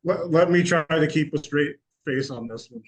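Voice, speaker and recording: A man co-hosting a casual sports talk show, speaking in a relaxed, hesitant way with lots of fillers. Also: on the high side, moderate pace, poor audio. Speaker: co-host.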